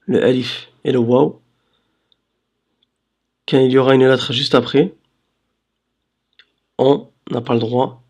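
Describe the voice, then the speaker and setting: Guy teaching, super slow and patient, stretches out syllables, keeps asking if you got it. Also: mid-range voice. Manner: patient, checks understanding with "d'accord?"; drawls syllables slowly for demonstration. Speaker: Arabic reading teacher. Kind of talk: slow screen-recorded lesson.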